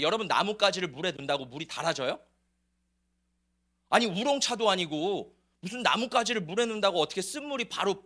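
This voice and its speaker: A man's voice: high voice, bright, forceful tone. A man preaching a sermon to his church, asking the congregation rhetorical questions. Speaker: pastor. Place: church sanctuary.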